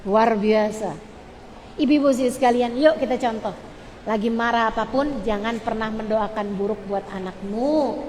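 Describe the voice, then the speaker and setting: A woman preacher giving a religious lecture to mothers, earnest and repetitive, dropping soft for prayers and rising loud for warnings. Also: normal speed. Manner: earnest, repeats key phrases for emphasis; drops low and soft when voicing model prayers, rises loud when warning. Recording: hall reverb with faint ambient noise.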